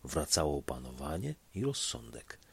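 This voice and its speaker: A man reading a dramatic story aloud, swinging between loud passages and hushed ones. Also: a bass voice, normal speed, creaky, husky. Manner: expressive, shifts between loud and hushed delivery. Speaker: narrator.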